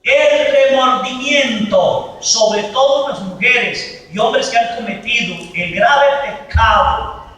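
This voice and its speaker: A man preaching a sermon as a priest at a healing retreat, emphatic, slowing and swelling on key words. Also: very high-pitched, a bit bright. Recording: echoey hall from far off.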